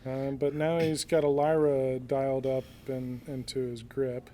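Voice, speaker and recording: A man commentating a card game match live, calling the plays in a relaxed, drawling way. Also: mid-range voice, unhurried, slight background noise. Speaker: play-by-play commentator.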